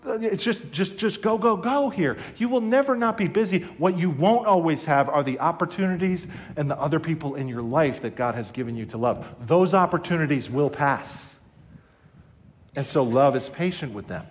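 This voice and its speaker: A man's voice: fairly high pitch, lively intonation, normal speed. A middle-aged man preaching a sermon as a pastor, earnest and conversational with his congregation.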